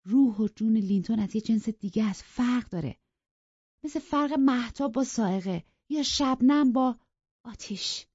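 Woman reading as a headstrong young woman, all passion and defiance, kinda husky, dull dry lo-fi audio. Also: fairly high pitch, darkish tone, no room sound, pitched above the performer's own voice. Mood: wistful. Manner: impassioned, pleading and defiant.

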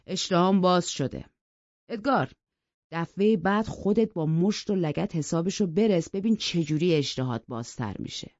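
A reader voicing a bullying, hot-tempered young man who taunts loudly, in a storybook reading. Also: mid-range voice, lively intonation, no echo, natural voice. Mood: gruff, gloating. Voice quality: loud, taunting. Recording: dull lo-fi dry recording.

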